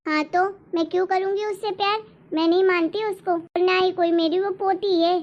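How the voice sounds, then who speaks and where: A woman's voice: extremely high pitch, steady tone, normal speed. A woman voicing a stern old grandmother who scolds her granddaughter and favors her grandson. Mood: scornful. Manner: harsh, scolding. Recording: dull lo-fi recording.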